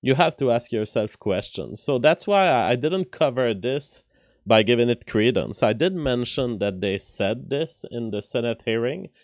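A man with a weak voice, hosting a casual livestream commentary in halting, deliberate phrases. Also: mid-range voice, lively intonation, no echo, clean studio sound. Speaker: livestream host. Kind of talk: casual livestream commentary, reading viewer messages.

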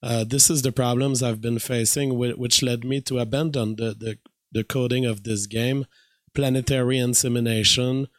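Guy w a weak voice explaining his game project, kinda halting, casual screen tutorial, mid pitch, very dry sound. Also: steady tone, no echo. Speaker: streamer and hobby game programmer.

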